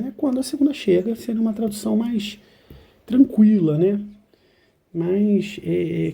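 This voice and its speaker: A man teaches a language lesson in a loose, conversational way, often checking in with his listeners. His voice is very dark and mellow, with a husky edge. He drops light self-deprecating asides as he goes. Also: sits high. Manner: chatty and informal, with frequent tag questions. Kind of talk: explaining song lyrics in a language lesson.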